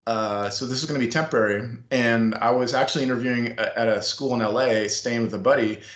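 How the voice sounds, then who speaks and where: A man's voice: medium pitch, quick pace. A middle-aged man telling a long story in an interview, acting out what people said. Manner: animated storyteller acting out quotes. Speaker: former school staff member, guest. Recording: roomy echo.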